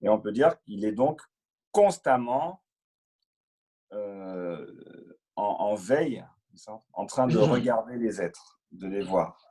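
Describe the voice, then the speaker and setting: A man patiently explaining a Buddhist prayer as interpreter and teacher, in a halting way with many fillers and repeated words. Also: fairly low pitch, lively intonation, mellow, husky.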